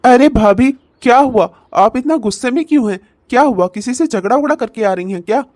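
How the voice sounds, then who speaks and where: A woman's voice: fairly high pitch, a little fast, darkish tone, no echo, close to an everyday voice. A woman voicing a sly, unemployed young brother-in-law who whines and fake-sobs in a cartoon comedy. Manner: fake sobbing, whiny.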